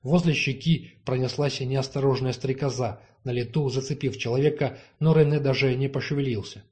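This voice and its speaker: A man narrating a fantasy novel in an even, measured reading. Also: mid-range voice. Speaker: audiobook narrator. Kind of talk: scripted narration.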